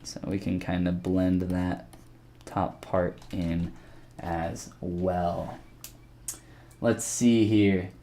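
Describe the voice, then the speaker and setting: A man giving a casual live-stream tutorial while he sculpts, relaxed and rambling as he thinks aloud and answers chat. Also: low voice, extremely slow, pauses often, slight background noise.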